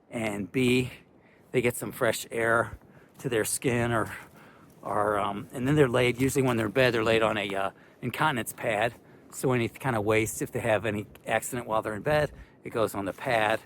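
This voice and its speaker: A middle-aged man, a retired care worker, gives casual, rambling advice to the camera, packed with fillers. His mid-range voice sounds a bit out of breath, with slight background noise.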